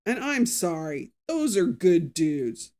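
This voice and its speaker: In a slow, sing-song, slightly mellow mid-range voice, a true crime host runs through a casual live recap. Chatty and full of opinions, the host says hello to viewers by name and dramatizes quotes when reading them out.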